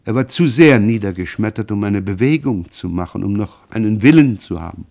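Man with a lowish voice reading a novel for radio, expressive and dramatic. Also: vocal fry. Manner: expressive, measured, emotionally charged. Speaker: reader. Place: radio studio.

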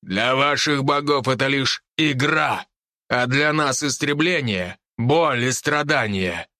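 A man's voice: medium pitch, slow pace, bright, forceful tone, dry recording, studio quality. A man voicing a sneering wolf-beast warlord. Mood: mocking. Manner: growling, sneering, taunting. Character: scarred veteran wolf-beast warlord, mocking. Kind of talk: audiobook character voice.

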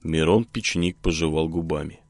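A man narrating an audiobook in an expressive way. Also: very deep voice, moderate pace, no room sound.

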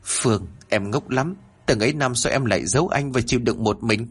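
A man doing a gentle, loving husband. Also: mid-range voice, brisk, breathy edge, close to an everyday voice. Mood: tender. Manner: tender, consoling.

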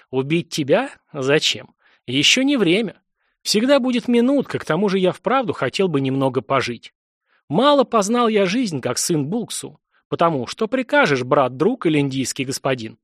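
A sly male demon with a wry, teasing edge, his voice lifting high and swinging around playfully, as a male narrator puts him on. The storybook reading sits on a dry, close recording with no room around it. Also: very animated, moderate pace, dry recording.

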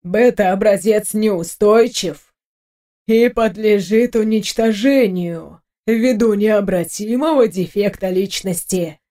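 A woman's voice: medium pitch, takes it slowly, dark tone, lightly acted. A woman reading an audiobook, voicing a detached, formal recorded lab report. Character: cold official lab report voice.

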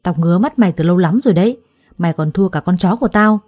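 A woman's voice: on the low side, fast talker, a little mellow, dry recording, clean studio sound, lightly acted. A woman voicing a harsh, spiteful older adoptive mother who scolds with scorn in a storybook reading. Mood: cruel.

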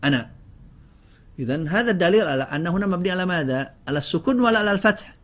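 Very fast and expressive, this high-voiced man teaches grammar to his class, working through word lists and quizzing the students. His speech is full of words broken off and restarted.

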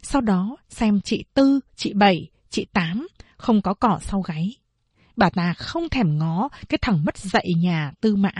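A woman narrating a novel aloud in a measured storytelling manner. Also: mid-range voice, animated, darkish tone, slightly rough, no room sound. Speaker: audiobook narrator. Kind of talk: scripted narration.

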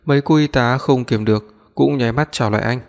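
A man narrating an audiobook in a steady storytelling manner. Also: medium pitch, fast, gravelly. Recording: long reverb.

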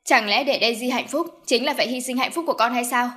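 A woman's voice: a little high, fairly even intonation, fairly quick, bright, forceful tone. A woman voicing an indignant young adult son in an audiobook, protesting and agitated. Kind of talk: audiobook character voice.

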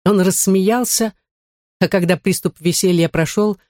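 A man reading a novel aloud in measured, even narration. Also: high-pitched, dry recording, clean studio sound. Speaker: audiobook reader. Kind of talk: scripted narration.

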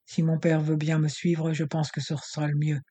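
A man's voice: fairly high pitch, monotone, moderate pace, mellow, breathy edge. A man voicing a proud, defiant young woman who answers coldly and firmly in an audiobook. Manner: cold, firm, contemptuous.

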